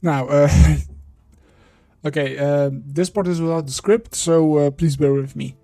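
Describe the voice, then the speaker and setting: Man through a voice changer, mellow tone. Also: a little high, steady tone, dry recording, clean studio sound, soft background music. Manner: blunt, sweary, loose and halting when off script. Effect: voice changer disguising his voice. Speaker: indie game developer. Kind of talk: devlog voiceover.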